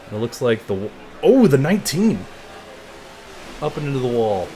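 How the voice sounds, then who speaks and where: A young man streaming a racing game live, calling the action in an excitable, announcer-like play-by-play. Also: medium pitch, normal speed. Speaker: gaming streamer.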